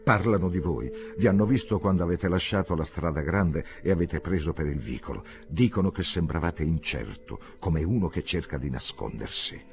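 A man's voice: low voice, animated, moderate pace, hardly any pauses. A man putting on an eager coachman. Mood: alarmed. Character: devoted young male coachman, eager.

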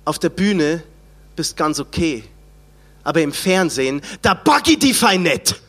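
A man's voice: a little high, big pitch swings, unhurried, a bit bright, slightly rough, exaggerated voice. A man putting on the voice of a curt, scornful Franconian man who speaks in a clipped, contemptuous way.

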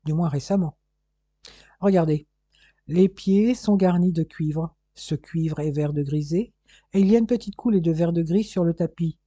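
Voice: medium pitch, dark tone, breathy edge, no echo, lo-fi sound, close to an everyday voice. A reader voicing a persistent male police inspector, insistent and coolly formal in an audiobook. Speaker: detective questioning a household.

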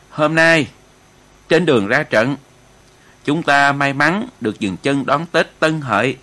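A man voicing a jovial male political commissar who gives loud, ceremonious toasts in an audiobook. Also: medium pitch. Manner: loud, ceremonious speech-making.

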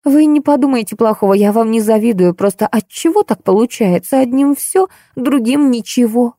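A woman's voice: on the high side, animated, moderate pace, mellow, no echo, clean studio sound, pitched above the performer's own voice. Woman voicing a plaintive plump office girl. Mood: wistful. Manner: plaintive, grumbling, easily weepy. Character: plump tearful young woman office clerk. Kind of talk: audiobook character voicing.

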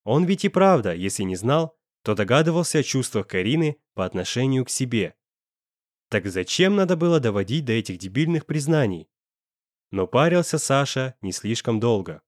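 A man narrating a story in an expressive reading style, voicing each of the characters himself. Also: mid-range voice, moderate pace, no room sound, clean studio sound. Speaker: audiobook reader.

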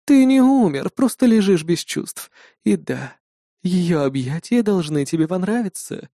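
A domineering, sly demoness from an audiobook, voiced by a man, drawling her words slowly with mocking authority. The voice sits a little higher and sounds mellow, recorded dry and close. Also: animated, dry recording. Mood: teasing. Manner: imperious, mocking, slow drawl. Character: commanding sly female demoness. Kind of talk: audiobook narration.

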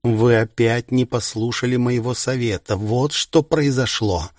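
A man's voice: fairly low pitch, a little slow, a little mellow, husky, no echo, clean studio sound. Man putting on a stern woman guardian. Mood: scolding. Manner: scolding, strict. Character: stern middle-aged woman, clan guardian. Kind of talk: audiobook character reading.

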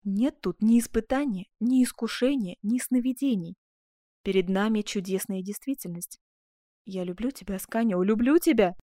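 A woman's voice: medium pitch, moderate pace, mellow, no echo, clean studio sound, natural voice. A woman voicing a proud, imperious duchess in an audiobook, speaking with impassioned swings between tender murmurs and proud outbursts. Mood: passionate. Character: proud passionate noble duchess, imperious and vengeful. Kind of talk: audiobook reading.

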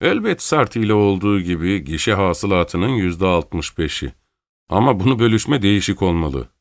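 A man's voice: low voice, sing-song, moderate pace, no echo, studio quality. A man reading a blustering boxer, Danny. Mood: boastful. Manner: blustering, pushy. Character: boastful male boxer, arrogant and quick-tempered.

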